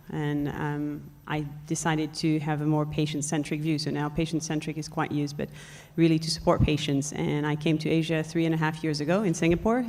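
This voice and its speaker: Woman panelist, very low voice, candid; hall reverb. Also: darkish tone. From France. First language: French. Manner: candid, self-deprecating. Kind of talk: panel self-introduction. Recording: long reverb of an event hall.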